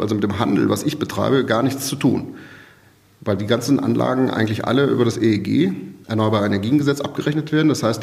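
A man's voice: mid-range voice, gravelly, darkish tone, big-room sound. A man working in energy purchasing, giving patient interview answers and explaining with everyday comparisons.

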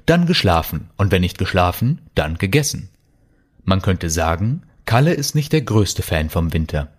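A man narrating a scripted audio story with lively storytelling. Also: fairly low pitch.

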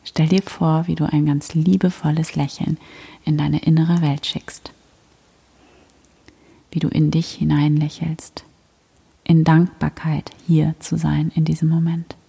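A woman guiding a prayer meditation in a soft, breathy whisper, gentle and soothing. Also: low-pitched, little pitch movement, measured pace, pauses often.

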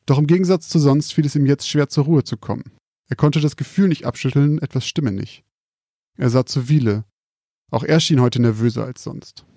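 Gravelly, dark-voiced male storyteller. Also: mid-range voice, dry recording, clean studio sound. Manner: calm, measured, quiet storytelling. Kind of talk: scripted narration of a spooky story.

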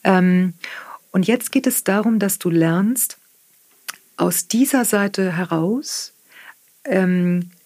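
A woman with a German accent, an author and therapist, explaining her ideas in a podcast interview, often tagging sentences with "ne?" and pausing on "ähm". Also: medium pitch, darkish tone, dry recording. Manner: reflective, tags sentences with "ne?"; frequent hesitation fillers. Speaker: author and guest; therapist working with clients.

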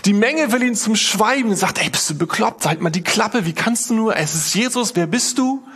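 A man preaching a sermon in a lively storytelling way, acting out quoted prayers and voices. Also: high-pitched, normal speed, breathy edge. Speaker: pastor.

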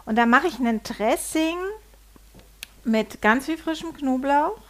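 A woman, chatting and laughing easily as a podcast co-host. Her voice sits a bit high. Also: a little slow. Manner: playful, laughs often. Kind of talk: casual chat.

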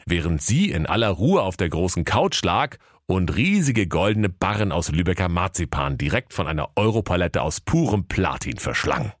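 Deep male narrator for a comic fairy-tale parody, mock-solemn, dry studio read. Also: very animated, moderate pace, hardly any pauses, no echo.

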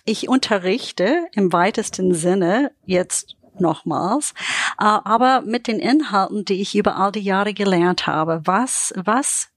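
A woman's voice: medium pitch, expressive, takes it slowly, no echo. Interview guest: mature woman, American-accented German, reflective conversational delivery, very dry recording. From United States. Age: middle-aged or older. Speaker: podcast guest, business development trainer.

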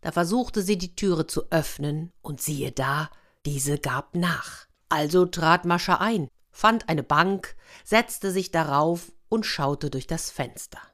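A woman reading a fairy tale aloud for children, lively, with confiding asides to her young listeners. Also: deep voice, takes it slowly. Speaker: storyteller.

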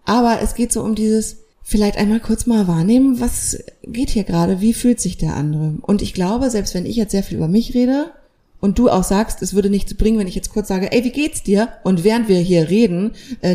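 A young woman with a mellow, warm voice talks casually as a podcast co-host. She tells her story with animated energy and acts out the lines of the people in it. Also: mid-range voice, fairly quick. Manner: animated storytelling, acting out quoted dialogue. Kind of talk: casual chat.

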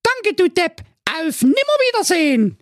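A shrill bratty princess. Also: male voice, huge pitch swings, a little slow, no echo, studio quality, exaggerated voice. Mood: snippy. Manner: shrill squeaky falsetto, snippy and scornful. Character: bratty spoiled young princess, shrill and rude. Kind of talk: comic fairy-tale parody reading.

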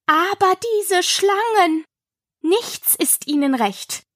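A woman's voice: extremely high pitch, lively intonation, takes it slowly, a bit bright, no echo, clean studio sound, pitched above the performer's own voice, full character voice. A woman voicing a fretful female pigeon guarding her eggs in a storybook reading, with shrieking, indignant scolding. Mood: lamenting.

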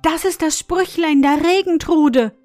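A woman doing an excited old peasant mother. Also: high voice, unhurried, no echo, faint music behind, voice pushed up. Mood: excited, urgent.

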